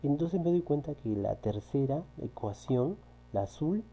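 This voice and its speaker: A man's voice: mid-range voice, expressive, unhurried, creaky, mellow, poor audio. A man teaching a physics class, patiently repeating key points and often checking with his students. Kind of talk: recorded online class walking through exercises. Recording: faint electrical hum.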